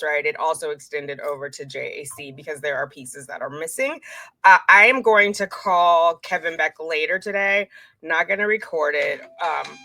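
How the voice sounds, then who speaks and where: A woman with a slightly low, bright and forward voice gives casual true crime commentary. She is chatty and informal, talking straight to her viewers and often cutting into her own sentences with asides. The sound is very dry, with no room echo. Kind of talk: casual commentary to viewers, walking through documents.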